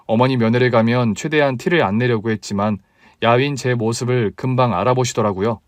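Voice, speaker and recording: A man narrating his own story in a calm, weary, confessional tone. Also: medium pitch, brisk, dry recording, studio quality.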